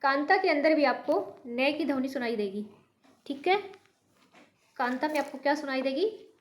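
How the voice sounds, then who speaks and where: A woman teaching a Hindi lesson, slowly drawing out each sample word and mixing English words into her explanations. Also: high-pitched, animated, reverberant. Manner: slow, repetitive, drawn-out pronunciation of sample words. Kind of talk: online language lesson.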